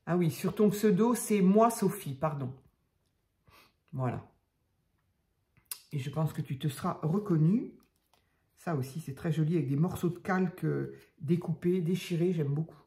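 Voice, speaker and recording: An older woman casually showing craft tags to her viewers, talking softly and chattily with many hesitations. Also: low-pitched, unhurried, long pauses. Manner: chatty, soft-spoken, hesitant with fillers. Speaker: craft channel host.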